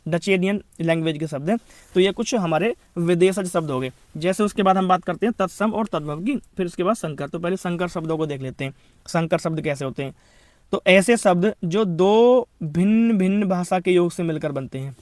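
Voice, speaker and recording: A man's voice: high-pitched, darkish tone, dry recording. A man giving an exam-prep grammar lesson, rattling off word lists and checking in often. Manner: lists words rapidly, repeats "thik hai" as a check-in. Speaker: Hindi grammar teacher.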